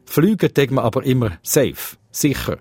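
A man with a Swiss German accent and a slightly husky voice, narrating a scripted radio feature as a reporter. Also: mid-range voice, very animated, normal speed, a little mellow, no echo.

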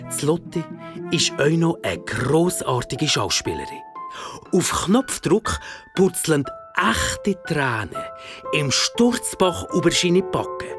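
A woman with a Swiss German accent reading a children's story in a playful, expressive way. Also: fairly low pitch.

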